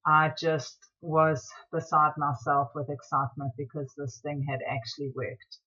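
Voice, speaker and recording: Bright, chatty woman crafter. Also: low-pitched, measured pace, highs cut off. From South Africa. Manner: rambling, apologetic, excitable. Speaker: craft tutorial host. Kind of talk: chatty voiceover tutorial.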